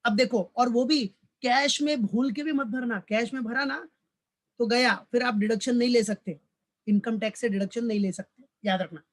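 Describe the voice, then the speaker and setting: His pitch is extremely high, his intonation fairly even, and his pace moderate. He's a college commerce lecturer recording a tax lecture in blended Hindi and English, fatherly toward students he calls "beta," repeating points and answering the questions he raises.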